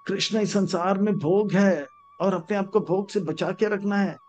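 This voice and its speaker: A man giving a Hindi scripture discourse, chanting Sanskrit verses slowly and acting out characters in his stories. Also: high-pitched, fairly even intonation, a little mellow. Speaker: spiritual teacher. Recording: dull lo-fi sound with faint music.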